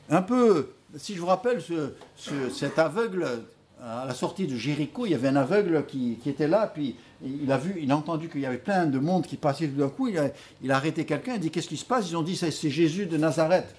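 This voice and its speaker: A man preaching a sermon, telling stories in an animated way with many hesitations. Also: a little high.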